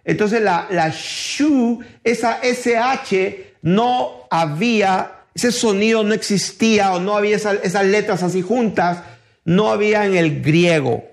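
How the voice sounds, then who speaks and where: A middle-aged male preacher delivers a sermon in a high voice. He speaks slowly and deliberately and keeps putting emphatic rhetorical questions to his listeners. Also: gravelly.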